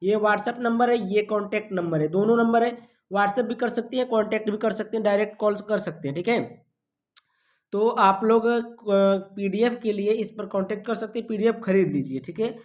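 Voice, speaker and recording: A woman teacher explains exam questions to students, with a voice that sits neither high nor low. She repeats each answer several times. She keeps checking in with short rhetorical questions. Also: moderate pace, a little mellow.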